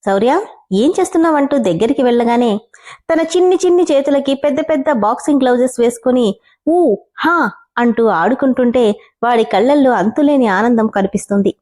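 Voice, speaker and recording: A woman's voice: on the high side, fast, warm tone. A woman narrating a story aloud, reading expressively and switching between character voices.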